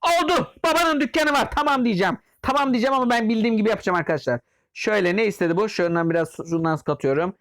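A man with a high voice gives casual gameplay commentary, chatting to his viewers as he plays. He teases and mock-yells at the customers in the game. The sound is dry and close, with no room echo. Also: rapid-fire. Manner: playful, jokingly scolds and yells at game customers. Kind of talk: casual let's-play commentary.

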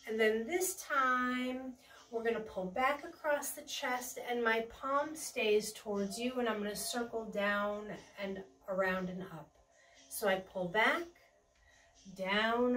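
A woman with a fairly high, fairly bright voice gives slow, serene tai chi cues, leading a calm, encouraging, unhurried step-by-step movement lesson. She is recorded on a distant mic in a small carpeted indoor room with faint music in the background.

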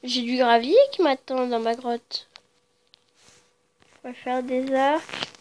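High-voiced woman narrating a game. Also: fairly even intonation, slow, slight background noise. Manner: muttering low, then bursting into startled shrieks and swearing; chatty with viewers, talks to the game creatures. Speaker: let's play gamer. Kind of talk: casual game commentary.

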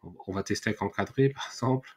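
A man's voice: on the low side, fast. A man hosting a screen-recorded tutorial, thinking aloud with many fillers and restarts. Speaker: tutorial host. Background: mouse clicks and typing.

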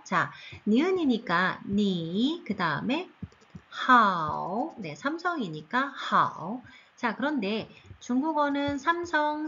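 Slow patient woman teaching language tones. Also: fairly high pitch, a bit bright, husky, highs cut off. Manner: slow, patient, drawn-out tone demonstrations. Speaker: Chinese teacher. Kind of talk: recorded online lesson for seniors.

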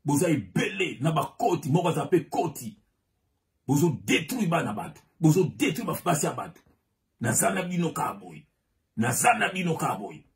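A man's voice: fairly high pitch, sing-song, moderate pace. Fiery preacher man. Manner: fiery, switches between French and Lingala, repeats phrases with rising emphasis. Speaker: pastor. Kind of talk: preaching sermon.

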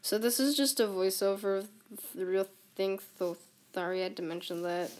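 A woman giving rambling, goofy commentary while playing a video game, with sudden squeaky outbursts. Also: normal speed, a little mellow, slight background noise. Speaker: gamer. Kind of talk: casual gameplay commentary.

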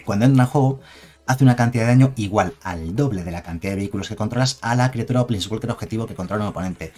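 A man's voice: on the low side, racing, warm tone. A man with a Spain Spanish accent giving chatty, digressive live-stream commentary on game cards and reading chat aloud.

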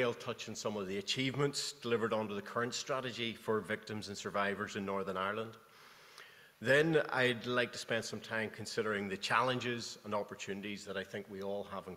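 A man's voice: fairly low pitch, sharp tone. A middle-aged man giving a prepared, earnest keynote speech at a lectern. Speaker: keynote speaker, commissioner. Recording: long hall reverb.

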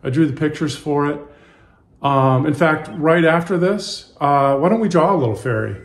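Speaking at normal speed in a voice on the high side, a fifty-something author and illustrator reads his picture book to kids and shows them how to draw. His talk is relaxed and plain, with cheerful encouragement aimed at young viewers.

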